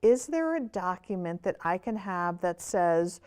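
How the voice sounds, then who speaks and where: A woman's voice: on the low side, big pitch swings, measured pace, darkish tone, clear, resonant tone. A woman hosting an interview, asking questions through hypothetical personal scenarios. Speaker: interview host. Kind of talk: conversational interview.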